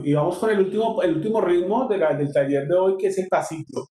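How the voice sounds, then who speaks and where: A man's voice: high-pitched, mellow. A man with a Colombian accent teaching tiple rhythms in an online workshop, counting beats aloud and chanting strum patterns. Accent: Colombian Spanish. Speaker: music teacher. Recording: echoey room with guitar.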